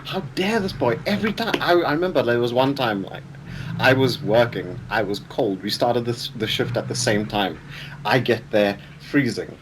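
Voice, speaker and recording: A man's voice: mid-range voice, moderate pace, noisy background. A young man co-hosting a podcast, chatting casually in a laid-back, slangy way. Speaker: podcast co-host. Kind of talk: casual chat.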